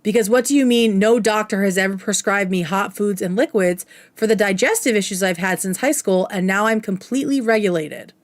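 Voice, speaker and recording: With a mid-range voice that moves fairly quickly and rarely pauses, a woman in her thirties who streams and hosts a show reacts loosely to clips, saying "like" and "right?" a lot. There's no room sound.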